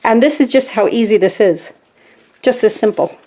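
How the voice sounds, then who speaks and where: A woman hosting a casual craft tutorial from her home craft room, chatting to viewers and getting excited as she works. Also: a little high, normal speed. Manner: chatty and easily excited, talks to viewers while working. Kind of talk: casual step-by-step craft demonstration.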